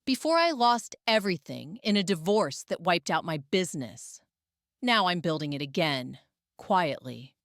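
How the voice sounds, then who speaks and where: Commanding female caterer, read by a woman, low-set, crisp and dry. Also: moderate pace, dry recording. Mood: calm. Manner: calm, sharp, commanding. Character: calm, commanding single-mom caterer.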